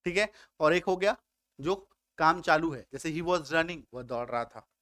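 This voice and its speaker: High-voiced Indian man teaching English grammar. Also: animated, unhurried, a bit bright, no echo, clean studio sound. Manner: patient, repetitive, checks in with "clear?". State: slightly unwell, coughing. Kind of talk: Hindi-medium spoken English grammar lesson.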